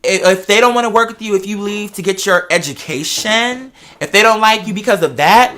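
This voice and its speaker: At a slightly fast clip, this talk show host uses a medium-pitched voice with a sharp edge. The American adult is in casual personal chat, storytelling emphatically and repeating phrases for stress.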